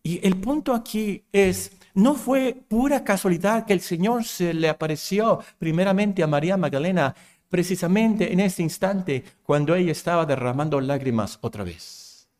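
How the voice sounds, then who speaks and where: A man's voice: high voice, animated, normal speed, darkish tone. A man preaching a sermon, emphatic, repeating phrases and asking rhetorical questions.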